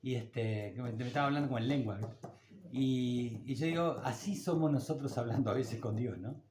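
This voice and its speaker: A man's voice: medium pitch, moderate pace, darkish tone, echoey room, a little hiss or hum. An older man with an Argentine Spanish accent, preaching a sermon as a pastor in a conversational, folksy way with homely anecdotes.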